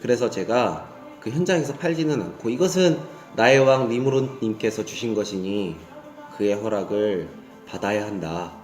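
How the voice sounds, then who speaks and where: A man's voice: fairly low pitch, animated, normal speed, a little mellow, lightly acted. Man playing a humble pleading father. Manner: deferential, pleading. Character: cautious, pleading father before a king, man. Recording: roomy echo with faint music.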